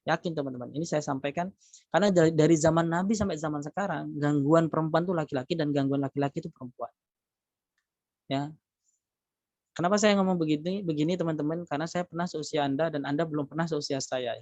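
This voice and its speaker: A middle-aged man lecturing students over a video call with a somewhat high, gravelly voice. He talks in an emphatic, preachy way and keeps answering his own questions. The sound is dry and dull, like low-fi call audio. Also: darkish tone, no room sound. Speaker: lecturer giving a motivational talk. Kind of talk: religious motivational talk to students.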